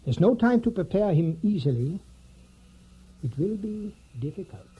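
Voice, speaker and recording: Van Helsing, high-voiced grave old professor. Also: male voice, sing-song, dull audio. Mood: insistent. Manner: measured, formal, oddly phrased foreign-style English. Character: elderly, grave, insistent male professor and vampire hunter. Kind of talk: audio drama acting.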